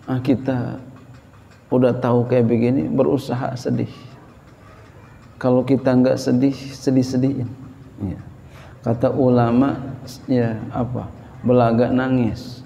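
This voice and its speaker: A man's voice: mid-range voice, flat delivery, unhurried, gravelly, long pauses, mellow, muffled recording. A man preaching a sermon in a conversational way, quoting scripture and explaining it in plain terms. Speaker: Islamic preacher. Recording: long hall reverb with faint background noise.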